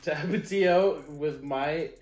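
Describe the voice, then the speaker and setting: A man's voice: a little high, slow pace, a little mellow. A young man chatting and joking casually as a vlog co-host at a kitchen table, with some swearing. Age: young adult. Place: indoors, home kitchen table. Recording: echoey room.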